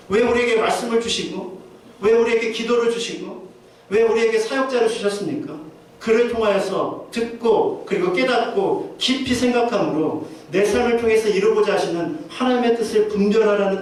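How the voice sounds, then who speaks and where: Male pastor preaching, voice sits high, booming echo like he's far from the mic in a big church. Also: darkish tone. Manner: earnest preaching with rhetorical questions. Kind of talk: sermon. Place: church sanctuary. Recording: very echoey church hall from far off, faint noise.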